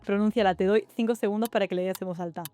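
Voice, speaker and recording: Woman, Spanish accent, young adult, quick upbeat vlog chat, low music underneath. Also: steady tone, warm tone. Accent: Spanish (Spain). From Spain. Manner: chatty and upbeat, with quick asides to the viewer. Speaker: YouTuber giving study-abroad and exam advice. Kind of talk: casual advice vlog. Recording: faint music behind the voice.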